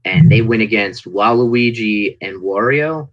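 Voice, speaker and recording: A man chatting casually as an interview guest, telling stories in an animated way and acting out people's reactions. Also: lowish voice, measured pace, dull audio. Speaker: interview guest, indie wrestling performer. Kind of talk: casual interview chat, anecdotes.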